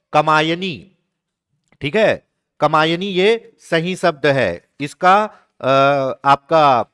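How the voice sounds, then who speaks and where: High, clear-voiced male teacher. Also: fairly bright tone. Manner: explains step by step, asks the class questions and answers them; repeats key words slowly for emphasis. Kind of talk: exam-prep grammar lesson.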